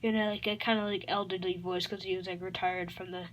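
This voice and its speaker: A woman's voice: fairly low pitch, level tone, fairly bright tone, a little hiss or hum. Rambling woman improvising a fan story. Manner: rambling, halting, many fillers and self-corrections.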